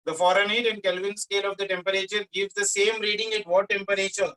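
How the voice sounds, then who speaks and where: A male teacher with a South Indian accent speaks in a bright, forceful voice. He works through a physics lesson interactively, restating key phrases and putting questions to his students. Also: high voice, level tone, quick pace, low-quality recording. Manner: repetitive, often checks in with questions.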